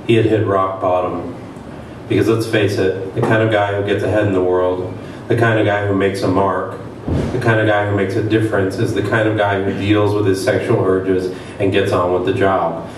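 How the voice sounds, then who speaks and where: On the stage of a small event room with an audience, a man in his thirties gives a dramatic reading of satirical fiction at a literary event, in a low, level voice at a moderate pace. He uses a table microphone on a stand, but the mic is distant and the hall very echoey, making the recording noisy.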